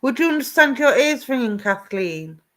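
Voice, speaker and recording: With a fairly high, fairly bright voice that swings widely in pitch, a psychic medium gives live online readings at a moderate pace. She greets viewers by name, calls them "my darling" affectionately, and asks whether things make sense.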